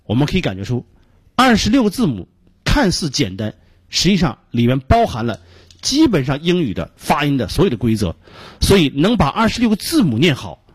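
Recorded close-up and dry with no echo, this radio pronunciation lesson comes from a middle-aged Beijing Mandarin speaker whose voice is a bit husky. His pitch swoops wildly as he patiently explains, slowly demonstrates and repeats sounds, and slips small fillers between phrases.

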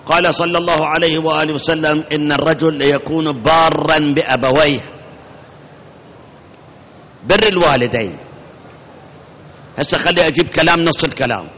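A man's voice: fairly high pitch, normal speed, long pauses, a bit bright, slight background noise. A man preaching a sermon in an Iraqi accent, speaking emphatically and directly to his congregation. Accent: Iraqi Arabic. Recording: muffled hall recording with reverb.

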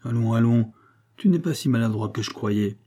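A man reading aloud as a gruff, bossy farmer who talks in loud, blustering bursts. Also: mid-range voice, animated, normal speed, lightly acted.

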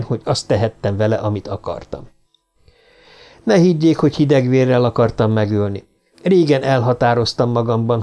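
A man's voice: medium pitch, dark tone. A man reading an audiobook in a dramatic, theatrical way, with quoted lines swelling into vengeful outbursts. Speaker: audiobook narrator.

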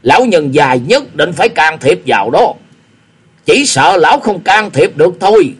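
A man doing an eccentric old martial-arts wanderer from a read-aloud wuxia tale. He taunts and scolds at full volume, his husky voice swooping up and down in a lively way. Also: on the high side, normal speed, voice pushed up. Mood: mocking. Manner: loud, cackling, taunting.

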